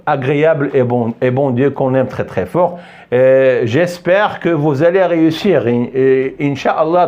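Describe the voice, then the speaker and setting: A man's voice: medium pitch, darkish tone, lo-fi sound. A man teaching a French phonics lesson, patient and repetitive, often praising with "très bien". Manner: patient, repeats words many times, praises with "très bien".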